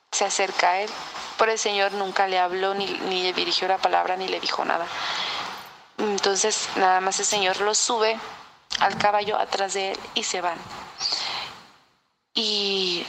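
A woman with a Mexican accent telling a personal story in a relaxed, chatty way, with lots of fillers. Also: medium pitch, noisy background. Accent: Mexican Spanish. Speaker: podcast co-host telling a story. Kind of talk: casual storytelling.

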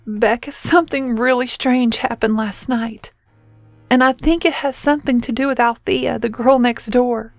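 A woman's voice: a little high, steady tone, normal speed, no room sound, soft background music, voice pushed up, close to an everyday voice. A woman reading a horror story, voicing a frightened teenage girl who pleads breathlessly for help.

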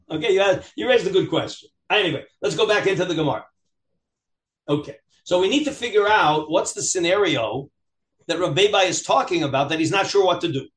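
A man teaches a Talmud class as a rabbi, reading aloud and explaining in an animated, questioning way. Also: sits high, reverberant. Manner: animated, questioning, acts out examples in dialogue. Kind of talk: interactive text lesson, reading aloud and explaining.

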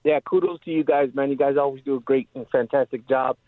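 A man's voice: medium pitch, steady tone, fast talker, no room sound. A man calling into a sports radio show over the phone, chatting casually and rambling with lots of "you know" fillers. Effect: heard over a phone line. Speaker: radio call-in caller. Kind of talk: casual call-in chat. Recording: tinny phone line.

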